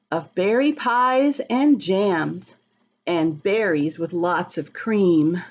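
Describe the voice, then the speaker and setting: This woman's voice sits on the low side and is a little mellow as she reads a storybook to young children. She speaks to them directly and expressively, drawing out words, chatting and asking them questions. The audio is dull.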